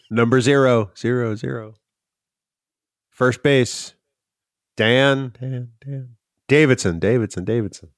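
A man putting on a ballpark PA announcer, imitating the loudspeaker echo by repeating each word more and more softly. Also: medium pitch, slow, pauses often, clean studio sound. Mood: announcing. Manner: mimics a stadium loudspeaker echo by repeating words softer and softer. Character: male ballpark PA announcer, booming with echoing repeats. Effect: imitated stadium PA system echo.

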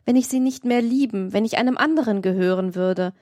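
A woman's voice: a little high, fairly quick, darkish tone, no room sound, natural voice. A woman reading as a cool composed young lady. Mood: probing.

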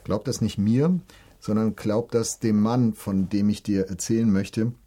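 Middle-aged male preacher, low mellow husky voice, earnest, direct to listener. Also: steady tone. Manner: earnest, addresses listener directly, reads scripture slowly. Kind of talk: devotional talk, sermon.

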